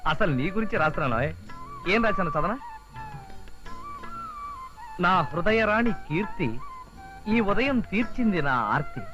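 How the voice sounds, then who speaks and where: An actor playing a doting husband in a film comedy, reading love lines in a playful, teasing way. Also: male voice, high-pitched, lively intonation, measured pace, pauses often, over music, poor audio.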